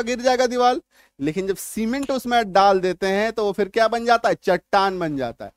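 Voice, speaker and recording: A man's voice: high voice, dry recording. A middle-aged man teaching English spelling rules in a classroom style, explaining through homely comparisons and often checking that students follow.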